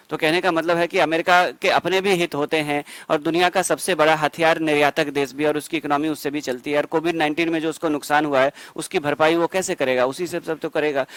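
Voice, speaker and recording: Male coaching teacher, high pitch, dry close sound; rapid-fire quiz revision with jokey asides. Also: fairly bright tone, dry recording, poor audio. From India. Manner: quizzes students with quick questions and answers himself; asides and jokes between facts. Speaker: exam-prep teacher. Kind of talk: rapid current-affairs revision lecture.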